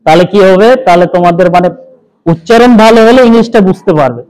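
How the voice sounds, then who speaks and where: Guy teaching english in a bangladeshi classroom, high voice, strict, repeats each word slow. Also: darkish tone, smooth, poor audio. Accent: Bangladeshi Bengali. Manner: scolding, drills pronunciation, repeats terms slowly. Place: school classroom.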